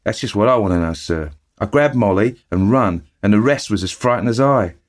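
A man voicing a young Cockney bellboy who talks in rough working-class speech, full of sirs. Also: fairly low pitch, expressive, a little fast, voice pushed up, lightly acted. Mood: earnest. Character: young Cockney bellboy, plain-spoken and earnest.

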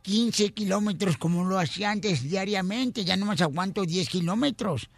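A man voicing an elderly man complaining to his doctor, slow and plaintive. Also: high-pitched, dry recording.

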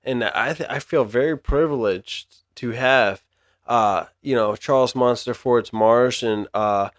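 A man's voice: mid-range voice, a little slow, no echo, studio quality. A man hosting a casual podcast in a slangy, effusive way. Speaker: podcast host. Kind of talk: casual geek-culture podcast chat.

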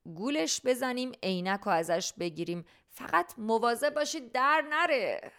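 A woman's voice: fairly high pitch, lively intonation, a bit bright, clean tone, voice pushed up. Storybook factory boss, male, wheezy and puffing; a woman reads him. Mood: scheming.

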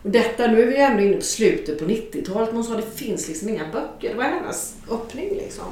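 Frank, lively woman storyteller in a big echo. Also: on the high side, a little hiss or hum. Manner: lively, frank, swears casually, acts out dialogue. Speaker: author telling an anecdote. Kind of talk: spoken storytelling to an audience. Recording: very echoey, from a distance.

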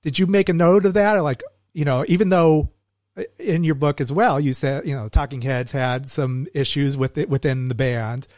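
A male podcast host asks long, meandering questions full of restarts. His voice is on the higher side and sounds dry and close, with little room around it. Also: moderate pace, a little mellow, dry recording. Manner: rambling, hesitant questions, laughs often. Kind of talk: casual interview.

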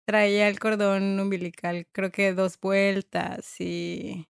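A woman's voice: medium pitch, little pitch movement, slow pace, gravelly, clean tone, no room sound, studio quality. A woman co-hosting a podcast, joking in a laid-back, slangy way. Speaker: podcast co-host. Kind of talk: casual chat.

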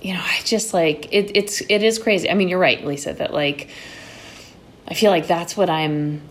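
A woman novelist raised in New York, chatting as a guest in a halting way, with frequent restarts and fillers. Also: lowish voice. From Connecticut-born, raised in New York. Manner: halting, restarts, many "like" and "you know" fillers. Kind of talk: casual conversation.

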